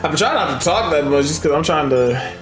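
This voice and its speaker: A man's voice: fairly high pitch, animated, a little fast, a bit bright, roomy sound, faint music behind. A man chatting casually as a game streamer, rambling in a laid-back way and swearing freely. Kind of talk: casual chat while gaming.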